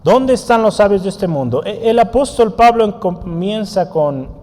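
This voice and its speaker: A man preaches in a mellow, somewhat high voice, teaching in a conversational way and putting questions to the congregation. He pauses now and then to write on a board. His voice carries through a church hall with a long reverb. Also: animated. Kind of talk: teaching sermon.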